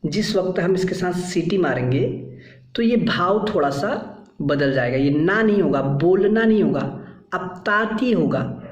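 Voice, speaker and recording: A man leads a spoken English lesson at a slow, patient pace. He repeats single sounds and short words again and again and keeps checking in with his listeners. His voice rings in an echoey room. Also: high voice, animated. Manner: checks in with frequent "ठीक है". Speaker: English teacher.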